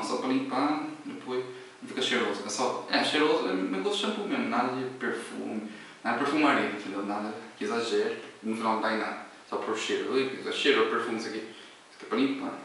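A man's voice: mid-range voice, a bit bright. Rambling young man in an echoey room. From Brazil. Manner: rambling, self-correcting, chatty. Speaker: vlogger. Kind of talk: casual product review. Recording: very echoey room, distant mic, faint hiss.

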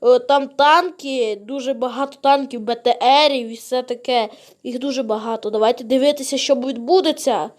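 A woman's voice: sits high, fairly even intonation, normal speed. A woman giving reaction commentary to viewers, hesitant and full of fillers. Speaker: video reactor.

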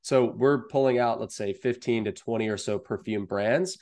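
Over a video call from his home, a young American man who does online wholesale selling offers explanatory advice as an interview guest. He speaks at normal speed in a mid-range, slightly mellow voice.

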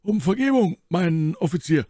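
A man's voice: sits high, very animated, moderate pace, warm tone, no room sound, pitched above the performer's own voice. A man voicing a proud male musketeer who speaks firmly and formally in a raised voice, in a storybook reading. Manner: bold, firm and formal.

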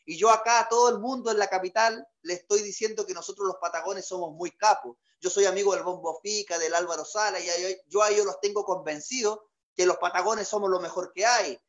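A male comedian with a Chilean Magallanes accent, telling a comic story. His voice sits very high for a man, and he talks in a chatty way, full of crude slang and boastful jokes. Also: a bit bright, lo-fi sound.

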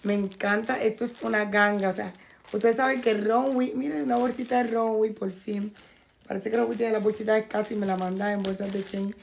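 Female vlogger, losing her voice, gravelly and fry-heavy, mid pitch, chatty clothing-haul delivery aimed straight at the viewers. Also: steady tone, brisk, a little hiss or hum. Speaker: fashion vlogger. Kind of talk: casual clothing haul unboxing. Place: at home, in a bathrobe.

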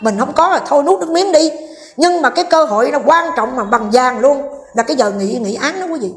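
A woman's voice: high voice, animated, brisk. A woman vlogger, delivering a heated, combative rant and scolding while speaking directly to her viewers.

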